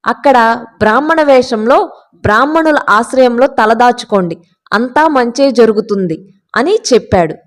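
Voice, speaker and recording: A woman narrating a mythological story in a steady, engaging way, inviting listeners along. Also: a little high.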